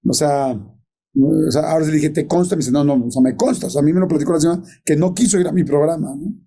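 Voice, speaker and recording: A man tells a ghost story to his co-host, rambling and correcting himself as he goes. His voice sounds very dark and mellow, sitting a little high for a man. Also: quick pace, slightly rough. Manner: rambling, colloquial, many fillers and self-corrections. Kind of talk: casual storytelling chat.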